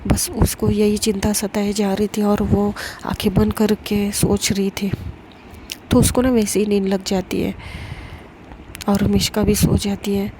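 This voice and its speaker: A woman's voice: mid-range voice, little pitch movement, measured pace, mellow. A woman storyteller narrating a romance in a plain, conversational way. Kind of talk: casual audio story narration. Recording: noisy home recording with clicks.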